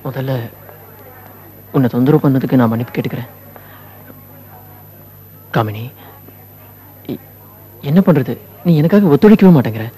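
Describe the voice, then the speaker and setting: An actor dubbing a persistent young lover in a film drama, coaxing and insistent. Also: male voice, medium pitch, lively intonation, moderate pace, pauses often, dark tone, close to an everyday voice.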